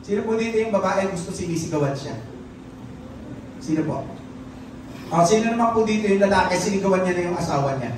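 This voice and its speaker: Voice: medium pitch, animated, a little fast, long pauses. A preacher giving a sermon, switching between Tagalog and English and quizzing the congregation. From Philippines. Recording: very echoey church hall, distant mic, faint noise.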